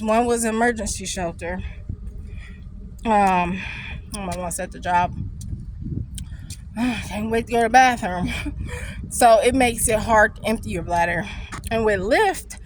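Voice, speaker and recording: A young woman talks into her phone while she walks, slightly breathless and pitched a little high. She rambles candidly from one thought to the next. Faint street noise hums behind her. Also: a bit bright, rough recording. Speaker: vlogger. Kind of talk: casual chat. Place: outdoors on foot, near traffic.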